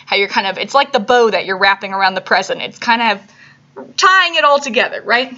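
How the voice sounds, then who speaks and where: A woman's voice: medium pitch, lively intonation, fairly quick, pushed and bright, muffled recording. A woman teaching an art lesson to young children on video, upbeat and coaxing, often checking in with "all right?" between steps.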